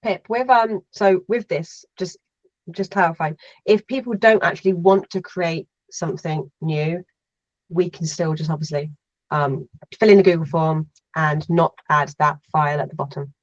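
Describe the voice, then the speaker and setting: Woman, very deep voice, halting filler-heavy chat, muffled video-call audio. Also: steady tone, no echo. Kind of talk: casual meeting chat.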